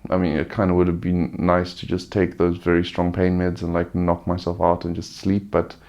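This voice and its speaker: A man gives an unscripted vlog-style update while weary from surgery. His voice is deep and very creaky, with an almost completely flat melody. He talks in a subdued, halting way, nursing a sore throat. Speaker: vlogger giving a recovery update. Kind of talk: casual personal update, unscripted.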